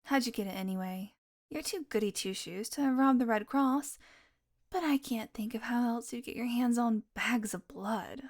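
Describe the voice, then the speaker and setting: A female performer acts a sardonic vampire woman in a fairly high, slightly mellow voice, haughty and teasing, aiming exasperated sarcasm straight at the listener as in an audio roleplay. The lightly acted delivery moves at a normal speed with a mocking, teasing mood.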